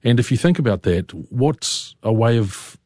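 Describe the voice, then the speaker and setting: A man's voice: medium pitch, lively intonation, moderate pace, a little mellow, no echo, clean studio sound. A man, a composer and interview guest, explaining his ideas articulately and with enthusiasm. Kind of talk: interview answers.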